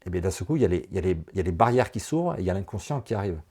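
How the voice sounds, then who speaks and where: A man coaching a woman through a personal session, animated and encouraging, talking in quick bursts. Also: low voice, breathy edge. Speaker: enneagram coach.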